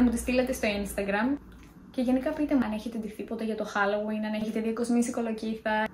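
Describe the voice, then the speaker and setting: A woman's voice: on the high side, echoey room, a little hiss or hum. A young woman in a casual vlog, chatty and self-mocking as she tells scary stories. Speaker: vlogger.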